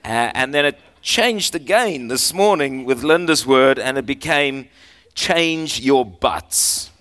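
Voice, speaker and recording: A male pastor delivering a sermon in an earnest, unpolished way, often pausing on fillers as he gathers his thoughts. His voice sits at an ordinary middle pitch, and he slows down to lean on scripture passages as he reads them aloud. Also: lively intonation, a bit bright. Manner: earnest, halting with frequent fillers.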